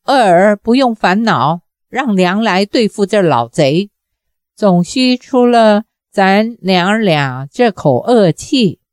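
A woman's voice: mid-range voice, expressive, slow, no room sound, studio quality. A woman voicing a fierce, embittered older mother who talks sternly and commands. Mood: soothing.

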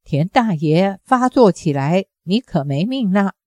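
A woman's voice: mid-range voice, expressive, a little slow, darkish tone, no room sound, clean studio sound, close to an everyday voice. A woman reading the lines of an arrogant, brutal male bandit in an audiobook, delivering snarling threats. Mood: threatening.

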